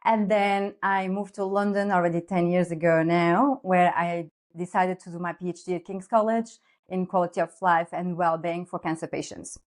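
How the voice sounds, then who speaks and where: A woman's voice: on the low side, darkish tone. A woman in her thirties from Portugal with a Portuguese accent, a guest coach explaining her work earnestly in a podcast interview. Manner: earnest, explanatory, with fillers and restarts.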